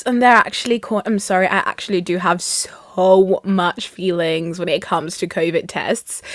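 A young adult woman co-hosting a podcast, chatting casually and ranting with animated exasperation. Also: mid-range voice, no echo, clean studio sound. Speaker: podcast co-host. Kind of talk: casual chat.

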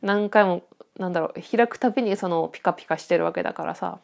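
A woman's voice: lowish voice, quick pace, gravelly, a little mellow. A woman with a stuffy-nosed, nasal voice chatting casually on her own as an audio podcast host, reflective and hesitant as she thinks aloud.

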